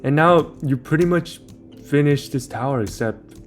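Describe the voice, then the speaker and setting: Narrating his play for a game guide video, a young man rambles a little as he informally walks through each step. His voice sits on the high side and he talks at a normal speed, over soft background music.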